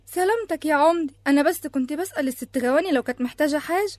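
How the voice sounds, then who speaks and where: A woman playing a sharp-tongued Egyptian mother of the groom. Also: sits high, no room sound, lightly acted. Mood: bickering. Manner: quick retorts.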